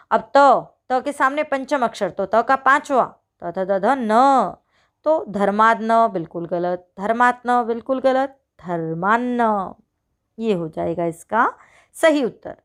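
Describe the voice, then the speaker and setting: A woman teacher going through a worksheet for her pupils, asking questions and answering them herself, and reading each example out slowly. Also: a little high, clean tone. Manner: talks to pupils as children, asks and answers her own questions. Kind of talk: online worksheet walkthrough.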